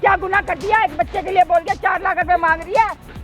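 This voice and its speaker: A woman's voice: very high voice, fairly even intonation, fast, fairly bright tone, soft background music. A woman playing an outraged mother-in-law who curses and complains shrilly in a staged family quarrel skit. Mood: aggrieved.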